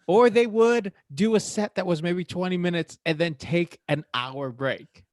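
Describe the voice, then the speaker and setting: A man's voice: high-pitched, unhurried, dry recording, clean studio sound. A man in his thirties co-hosting a podcast from home, joking and swearing casually. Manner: loose, joking, swearing, puts on silly voices. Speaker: podcast co-host. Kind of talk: casual chat.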